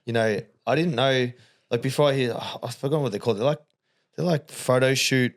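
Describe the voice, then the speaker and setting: Australian podcast host, young male, relaxed slangy rambler, middle pitch. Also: fairly quick. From Melbourne, Australia. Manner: rambling, casual, slangy, many restarts. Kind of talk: casual chat.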